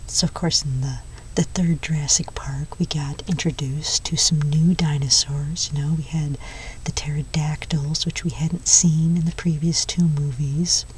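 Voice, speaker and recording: A woman playing a chatty, nerdy movie-store clerk in a whispered role-play, soft-spoken and rambling, with unhurried enthusiasm. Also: deep voice, distant mic, slight background noise, low-quality recording.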